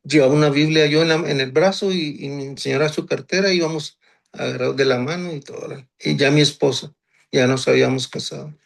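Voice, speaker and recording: A man's voice: fairly high pitch, fairly even intonation, brisk, creaky. A man in his sixties from Honduras, telling his faith testimony in an earnest way and often repeating phrases. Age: 60s. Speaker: guest giving a church testimony.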